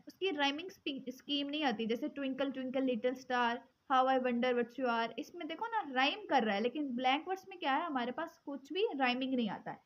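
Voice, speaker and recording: A woman teaching English poetry forms, switching between Hindi-Urdu and English and reading English definitions slowly. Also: sits high. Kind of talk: explaining poetry forms in a lesson. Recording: dull lo-fi sound.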